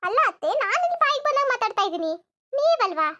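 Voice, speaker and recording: A woman's voice: extremely high pitch, sing-song, fast talker, pushed and bright, exaggerated voice. A woman voicing a lazy, sleep-loving young daughter-in-law in a cartoon comedy, cheeky and argumentative. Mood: defiant. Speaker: narrator addressing viewers.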